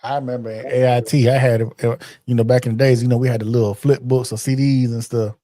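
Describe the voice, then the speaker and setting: A man co-hosting a podcast in casual chat, relaxed, answering in short affirmations and laughing easily. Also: mid-range voice, fast talker. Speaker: podcast co-host.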